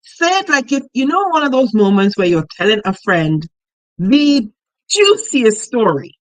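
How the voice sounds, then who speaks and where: A woman coach teaching casually on a live show, chatty and animated, acting out the voices of the people she quotes. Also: a little high, unhurried, dry recording, rough recording. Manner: chatty, laughs while talking. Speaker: money mindset coach.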